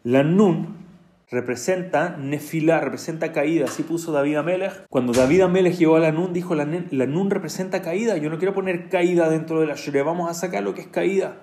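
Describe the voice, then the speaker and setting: A man giving a storytelling sermon, switching into English phrases now and then and acting out the people he quotes, with a gravelly voice. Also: a little high, fairly quick, mellow. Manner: mixes in English phrases, acts out quoted speech.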